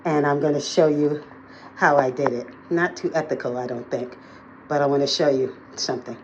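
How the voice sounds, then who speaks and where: A woman's voice: deep voice, normal speed, a little mellow, dull audio, a little hiss or hum. A woman talking casually to her viewers in a day-in-the-life vlog, chatty and full of fillers, recorded on a handheld phone. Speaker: vlogger. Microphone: phone held in hand.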